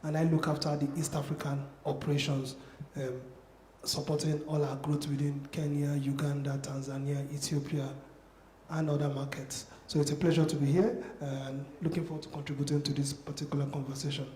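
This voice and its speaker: A man's voice: a little high, little pitch movement, fairly quick, mellow. A man from Nigeria politely introducing himself on a conference panel. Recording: echoey room, faint noise.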